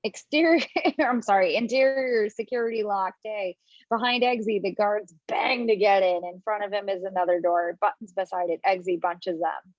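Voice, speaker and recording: During a video-call table read, a woman handles the stage directions, sometimes laughing at her own slips. Her medium-pitched voice moves at a moderate pace without echo, captured on a dull lo-fi home mic.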